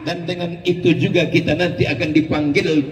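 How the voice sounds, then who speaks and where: A man preaching at a large outdoor rally, shouting rhetorical questions and leading the crowd in call-and-response. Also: a little high, fairly even intonation, moderate pace, a little hiss or hum. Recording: echoey public address heard from far off.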